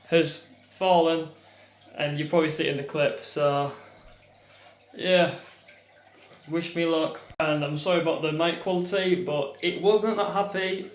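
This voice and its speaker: A man, hosting a casual aquarium vlog at home, chatty and quick to laugh at himself. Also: on the high side, fairly even intonation. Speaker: aquarium hobby vlogger. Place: indoors at home by his fish tanks. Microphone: clip-on mic, then phone mic.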